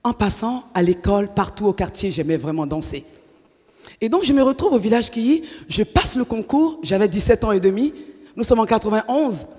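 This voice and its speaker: A woman in her forties shares her life story with an audience, slipping into the voices of the people she describes. Her voice is slightly husky. It rings out with a long reverb, as if she were speaking in a large hall. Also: mid-range voice, expressive, normal speed, a little mellow. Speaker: speaker giving a personal testimony. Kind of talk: lively storytelling testimony to an audience.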